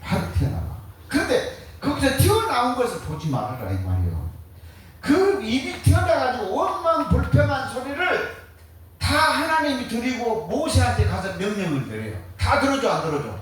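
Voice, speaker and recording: A man's voice: extremely high pitch, very animated, normal speed. A man preaching a sermon as pastor, firing rhetorical questions and answering them in a colloquial, joking way. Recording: very echoey, distant mic.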